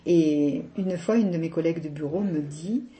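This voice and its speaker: A middle-aged woman from the south of France tells her story in a casual interview, her southern French accent clear in every phrase. Her voice sits low and mellow. She talks freely, laughs often and stops on little fillers as she searches for words. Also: moderate pace. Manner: chatty, laughs often, hesitant with many fillers. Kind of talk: casual personal conversation.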